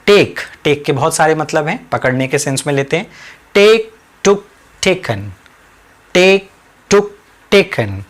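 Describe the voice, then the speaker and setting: Indian English tutor, unhurried rote verb drills, mid-pitched voice, explains in Hindi. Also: animated. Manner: repeats each verb form in a sing-song drill, explaining in Hindi. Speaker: English teacher. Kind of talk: slow drilled vocabulary lesson.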